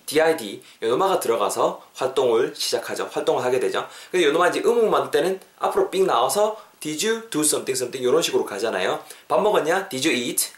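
Lively Korean English teacher, roomy sound. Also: male voice, a little high. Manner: lively, repeats example phrases in drills. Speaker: English teacher, podcast host. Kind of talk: casual spoken English lesson. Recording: roomy echo.

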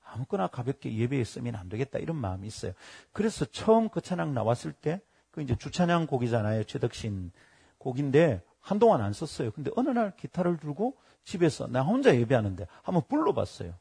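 A middle-aged pastor preaches a sermon, his medium-pitched voice moving fairly quickly with a creaky, breathy edge. He tells lively stories and acts out the voices of the people he quotes.

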